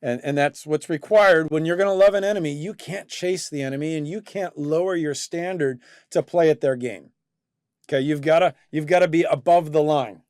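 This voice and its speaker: A man's voice: on the high side, moderate pace, darkish tone, no room sound, clean studio sound. A man hosting a talk show, teaching and coaching in a reflective way with many fillers and restarts. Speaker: host and coach.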